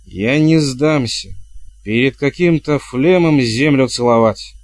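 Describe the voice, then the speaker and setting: A man's voice: medium pitch, slow, dry recording, clean studio sound, lightly acted. A man voicing a young actor who declaims his lines theatrically and desperately.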